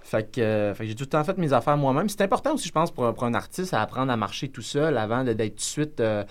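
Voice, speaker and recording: A man who speaks with a Quebec French accent from Rimouski, talking as a stand-up comedian guest. He rambles through his thoughts with filler words and restarts, laughing easily in a relaxed podcast chat. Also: medium pitch, fast talker. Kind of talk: casual podcast conversation.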